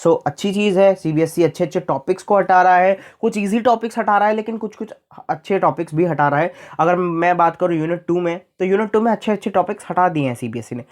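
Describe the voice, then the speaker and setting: A man's voice: high voice, fast. Young male explainer, chatty, keeps repeating key points, talks straight to students. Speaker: teacher explaining syllabus changes.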